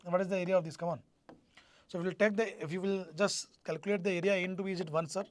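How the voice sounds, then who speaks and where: A man's voice: high-pitched, steady tone, racing, slight background noise. A man with a North Indian accent teaching a live online exam-prep class, repeating himself and prompting students with questions. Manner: repetitive, question-prompting, addresses students directly.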